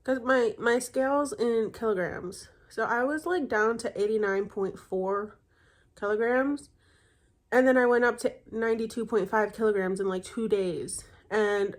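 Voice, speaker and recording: A young woman vlogging in a rambling, chatty way, with lots of fillers and self-corrections, and a congested voice. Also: fairly high pitch. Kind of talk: casual chat.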